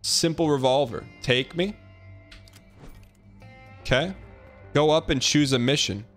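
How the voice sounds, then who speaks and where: Male game streamer, casual and slangy, raised pitch, live commentary with music underneath. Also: slow, a bit bright. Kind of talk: casual live game commentary, reading chat and on-screen text.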